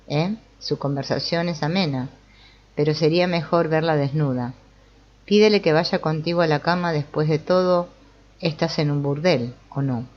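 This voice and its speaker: A woman's voice: low voice, normal speed, dull audio, natural voice. A woman reading the part of a mocking, tempting devil who goads and taunts. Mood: taunting. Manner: taunting, goading.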